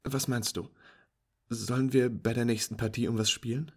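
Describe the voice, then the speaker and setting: Upbeat, teasing young woman coaching a beginner at pool , put on by a male storyteller with a husky voice. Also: mid-range voice, steady tone, moderate pace. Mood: playful. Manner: encouraging, playful and teasing. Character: friendly young woman, patient pool teacher. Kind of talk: storytelling with acted dialogue.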